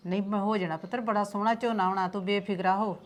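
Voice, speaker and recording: A woman's voice: medium pitch, fairly even intonation, fast, lightly acted. An actress playing a caring village mother with a Punjabi accent, reassuring her son in a family drama. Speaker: mother of the farmer.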